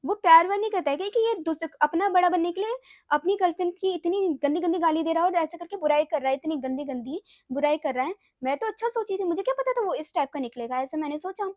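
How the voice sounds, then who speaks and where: A woman's voice: very high voice, fast, a little mellow, dry recording. A young woman vlogger chatting casually through a personal story, slipping English phrases and fillers into her Hindi.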